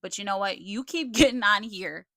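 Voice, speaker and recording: A woman's voice: medium pitch, moderate pace, pushed and bright, dry recording. A woman giving confrontational live commentary, sarcastic and scolding, with plenty of swearing. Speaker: streamer commenting on a livestream feud.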